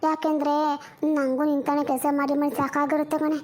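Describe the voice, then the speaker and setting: A woman's voice: sits high, level tone, fairly quick, a little mellow, close to an everyday voice. A woman voicing a worried elder sister who works as a poor housemaid and lectures her younger sister with proverbs. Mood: coaxing. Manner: lectures and scolds, uses proverbs.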